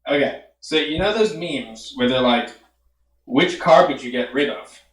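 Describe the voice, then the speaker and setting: A man's voice: medium pitch, expressive, a little slow, echoey room, rough recording. A man with an Australian accent calling in to a chat show, delivering an opinion in a laid-back, hesitant way. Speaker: caller. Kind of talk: casual chat.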